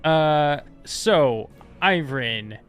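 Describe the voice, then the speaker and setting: A man narrating a tabletop game as game master in casual, halting, improvised phrases. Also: on the high side, animated, fairly bright tone, soft background music.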